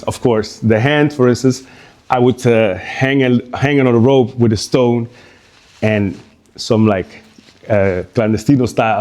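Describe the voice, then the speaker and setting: Speaking informally at an art exhibition, this Curaçaoan man is the invited guest. He often stops and begins his sentences again in a conversational, hesitant manner, using a slightly mellow voice of middle pitch.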